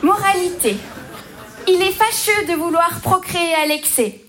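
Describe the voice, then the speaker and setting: A woman's voice: very high-pitched, unhurried, crowd noise. A woman narrating a bawdy comic fable in rhyming verse, with a playful, sing-song delivery. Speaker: storyteller.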